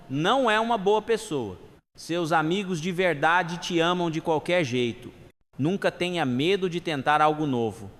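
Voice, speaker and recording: A man reading jokes and sayings aloud in an even delivery. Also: sits high. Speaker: joke teller. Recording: long hall reverb.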